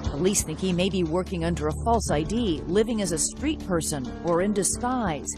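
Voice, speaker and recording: A woman's voice: fairly low pitch, lively intonation, normal speed, over music. A woman narrating a true crime documentary from a script, as the reporter telling the story.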